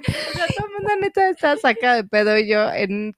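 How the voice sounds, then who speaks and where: Young woman, Mexican Spanish accent, giggly casual chat, high voice, bouncy pitch. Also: huge pitch swings, quick pace. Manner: giggly, chimes in. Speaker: podcast co-host.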